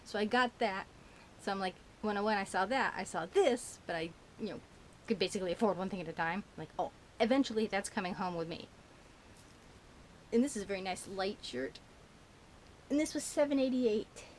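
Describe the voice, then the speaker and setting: Talking briskly in a medium-pitched voice, a woman vlogger rambles about the things she bought, giggling frequently and using lots of fillers. A burnt tongue leaves her slightly slurred, and there's a little hiss or hum on the recording.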